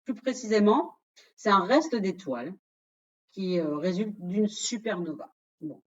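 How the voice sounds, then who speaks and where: A woman's voice: medium pitch, lively intonation, measured pace, highs cut off. A French-speaking woman presenting a quiz in an online webinar, addressing the audience directly and revealing the answers.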